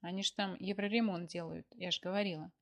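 A woman voicing a stern, bossy older wife who scolds with a sharp tongue in a read-aloud story. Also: on the low side, fairly even intonation, quick pace, vocal fry. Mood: scolding.

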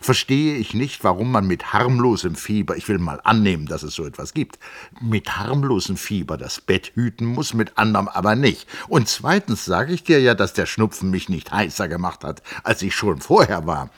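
A man's voice: on the low side, big pitch swings, normal speed, a bit bright, breathy edge, voice pushed up, full character voice. A man voicing a stubborn, mildly mocking young engineer who argues precisely and a little sluggishly, in a literary audiobook reading. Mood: insistent, mocking. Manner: precise, argumentative, slightly sluggish.

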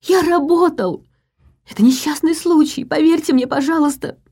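A woman voicing a terrified, hoarse man who begs desperately for release, in an audiobook. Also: on the low side, fairly even intonation, slow pace, dark tone, exaggerated voice. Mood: pleading. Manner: pleading, desperate.

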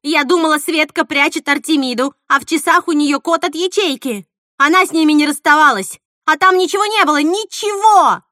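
Woman voicing a bitter killer actress for an audiobook: loud, bright, unhinged. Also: a little high, big pitch swings, normal speed, dry recording, clean studio sound. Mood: furious. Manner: hissing, shouting, unhinged. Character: bitter, vengeful actress Mila, a murderer. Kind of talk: audiobook reading.

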